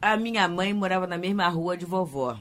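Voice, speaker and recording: A woman's voice: fairly low pitch, a little fast. A woman co-hosting a spiritual talk program who reminisces reflectively and often chimes in to agree. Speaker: co-host. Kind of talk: casual chat on a spiritist program.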